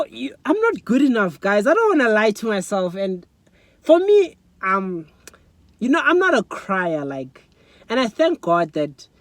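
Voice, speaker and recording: A man's voice: high-pitched, fairly bright tone, no room sound. A young man from South Africa talking earnestly and emotionally to his phone camera in a personal vlog, often asking "you know what I'm saying". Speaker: vlogger. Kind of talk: personal reflective monologue. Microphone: phone front camera.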